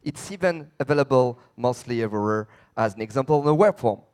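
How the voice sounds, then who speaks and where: A man's voice: mid-range voice, expressive, quick pace, a little mellow, clean tone. A man from France with a French accent presenting a live product demo, speaking with frequent hesitations. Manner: hesitant with many uh fillers. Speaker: app presenter.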